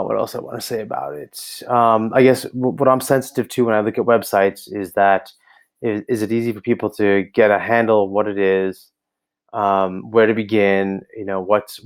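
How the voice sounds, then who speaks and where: Reviewing a coaches' website, this American man talks casually into his laptop camera indoors, his voice on the low side. He hesitates a lot, thinking aloud and filling the gaps with ums and restarts.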